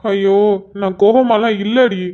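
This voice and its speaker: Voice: medium pitch, fairly even intonation, measured pace, dark tone, highs cut off, lightly acted. [name], a performer voicing an exasperated young husband. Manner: exasperated, pleading, sighing asides. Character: flustered young married man, patient and exasperated.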